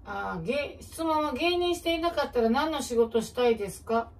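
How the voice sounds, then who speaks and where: A woman comedian with a Kansai accent, musing aloud in relaxed casual chat while she preps food, answering viewer comments. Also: high-pitched, fairly quick. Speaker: comedian and channel host. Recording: distant mic with faint kitchen noise.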